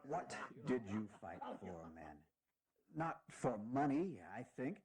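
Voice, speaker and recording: An aging general with lively, swooping pitch. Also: male voice, a crowd in the background. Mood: earnest, heartfelt. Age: older. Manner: deliberate, halting, stirring. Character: dignified, aging general, earnest and fatherly. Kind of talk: historical audio drama oratory.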